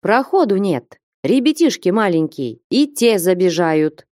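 Hoarse, whining drunken man, self-pitying, slow and dragging, voiced by a woman. Audiobook. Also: mid-range voice, very animated, a little mellow, no room sound, clean studio sound. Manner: whining, complaining.

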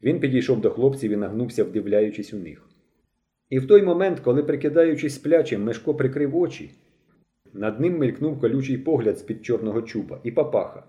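A man reading a novel aloud as an audiobook narrator, with an expressive, dramatic delivery. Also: medium pitch, brisk, lo-fi sound.

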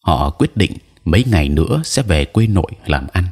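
A man narrating an audio story in a measured, even storytelling manner. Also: low-pitched.

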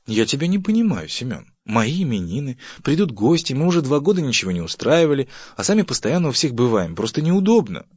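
A man's voice: medium pitch, very animated, brisk, hardly any pauses, darkish tone, breathy edge, no echo, pitched above the performer's own voice. A man voicing an exasperated, indignant wife who pleads and argues with her stingy husband. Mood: pleading. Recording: dull, dry audiobook recording.

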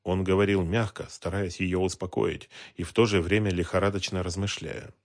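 A man reading an audiobook, narrating a tense scene in a measured, dramatic way. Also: deep voice, steady tone, a little mellow. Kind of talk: scripted narration.

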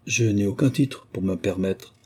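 A man's voice: lowish voice, moderate pace, darkish tone, husky. A man reading an audiobook voices a courteous young man who speaks politely and a little awkwardly. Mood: earnest.

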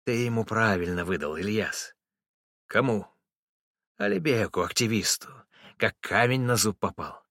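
A man's voice: lively intonation, unhurried, long pauses, fairly bright tone, no echo, clean studio sound. A man voicing a sly, spiteful male driver who wheedles and needles in a raised, sneering voice. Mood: needling. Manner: sneering, needling, pitched high.

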